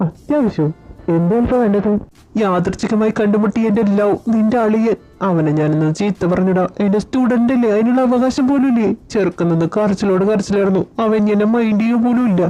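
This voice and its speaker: Fretful young guy pleading with his buddies, woman doing the voice, mellow soft tone, fan audio drama. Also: mid-range voice, dull audio, close to an everyday voice. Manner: pleading, exasperated chatter. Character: young man, anxious and bantering with friends.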